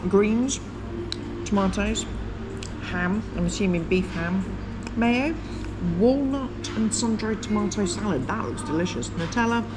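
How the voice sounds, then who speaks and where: A woman chats casually in a travel vlog, describing things as she goes. Her pitch is ordinary, and there is prominent music in the recording. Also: measured pace, rough recording. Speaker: travel vlogger. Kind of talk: casual chat to camera.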